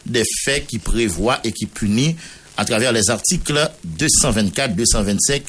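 A Haitian-accented man holds the mic on a news show, slowly reading a court ruling and name after name. He slips between French and Creole as he goes. His voice sits at an ordinary middle pitch. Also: a bit bright, slight background noise. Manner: mixes Creole into French, reads long name lists. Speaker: radio news journalist.

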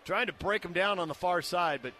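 Bright-voiced American man calling live soccer. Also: high voice, brisk. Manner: clipped running description of the action. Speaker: play-by-play commentator. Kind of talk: live soccer match commentary. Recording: stadium noise behind the voice. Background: outdoor stadium ambience.

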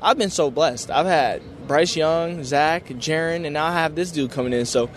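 A man's voice: a little high, normal speed, a little hiss or hum. A young man, a college football player, answering media day questions in an enthusiastic, grateful, casual way with lots of filler words. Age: young adult.

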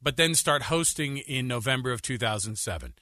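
Bright-voiced joking radio co-host. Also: male voice, medium pitch, animated, brisk, no room sound. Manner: joking, rambling, restarts often. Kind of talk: casual radio banter.

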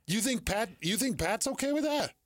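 A man's voice: sits high, moderate pace, no room sound, clean studio sound. A man hosting a sports radio show, chatting casually and pushing back with disbelief. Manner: animated, incredulous pushback.

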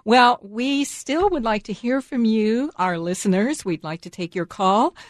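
A woman's voice: fairly high pitch, expressive, unhurried, dry recording. Chatty American woman radio host, dry sound. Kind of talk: casual radio chat.

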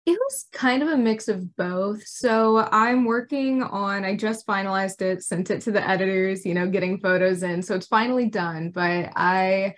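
A young woman from Arkansas with an American accent speaks in a casual, conversational interview. Her delivery is chatty and informal, sprinkled with "like", at a middling pitch for a woman. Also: normal speed, few pauses. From Arkansas, United States. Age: young adult. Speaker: intern reporter being interviewed.

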